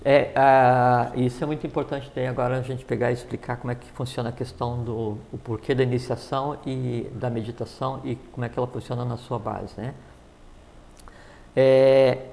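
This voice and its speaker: A man's voice: mid-range voice, creaky, darkish tone. Rambling man explaining spirituality. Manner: rambling, many fillers and restarts. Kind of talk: casual explanatory talk.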